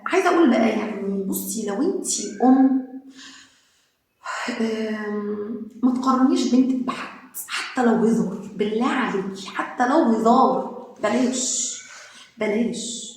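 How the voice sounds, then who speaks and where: Egyptian woman giving gentle advice, echoey room. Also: a little high. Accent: Egyptian Arabic. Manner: gentle, reassuring, many fillers and restarts. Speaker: self-help speaker. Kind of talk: advice monologue to women. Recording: very echoey room with faint noise.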